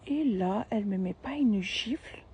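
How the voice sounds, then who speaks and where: A woman's voice: mid-range voice, expressive, normal speed, mellow, breathy edge. A young woman, telling a personal story in a casual, slangy, emphatic and repetitive way.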